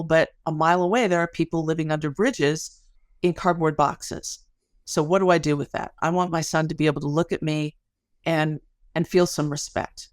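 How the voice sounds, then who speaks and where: Speaking in a low voice, a middle-aged academic explains ideas clearly on a podcast through stories and analogies. The studio-quality recording has no room sound.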